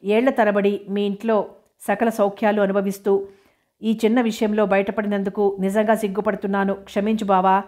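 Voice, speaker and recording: A woman's voice: mid-range voice, little pitch movement, moderate pace, lightly acted. A woman reading the part of an outspoken young woman who speaks her mind, in an audiobook. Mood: apologetic. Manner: sharp, reproachful.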